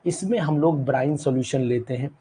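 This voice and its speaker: A man's voice: medium pitch, brisk, warm tone, slightly rough, rough recording. A male chemistry teacher giving a live online class. He quizzes students by name and repeats key terms, mixing in English words.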